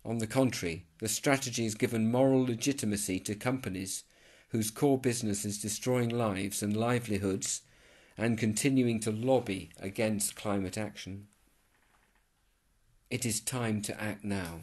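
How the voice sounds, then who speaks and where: A man reading out a formal letter as scripted narration, measured and even. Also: fairly low pitch.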